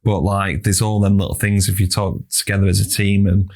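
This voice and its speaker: A man's voice: low-pitched, flat delivery, a little fast, darkish tone. A man hosting a podcast as a sports scientist and strength coach, giving reflective advice and repeating words as he thinks. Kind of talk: casual podcast chat. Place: podcast studio.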